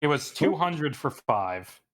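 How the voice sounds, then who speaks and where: A man's voice: a little high, sing-song, slow pace. A man running a tabletop game as game master, narrating loosely with lots of fillers.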